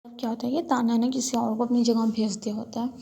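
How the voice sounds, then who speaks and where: A woman's voice: on the high side, little pitch movement, fast, vocal fry, mellow, a little hiss or hum. A young woman casually retelling a love story in a chatty way, leaning on fillers and acting out the characters' lines in her own voice, sitting alone in a room with outside noises coming in.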